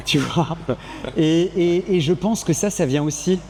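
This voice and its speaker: A man's voice: a little high, a little slow, creaky, darkish tone, slight background noise. A young French man, an expat coach, chatting casually and emphatically with many restarts. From France. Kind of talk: casual chat and home tour.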